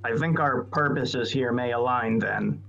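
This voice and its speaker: A man's voice: medium pitch, unhurried, vocal fry, fairly bright tone, muffled recording, soft background music. A man talking casually as a player in a tabletop game, describing what his character does.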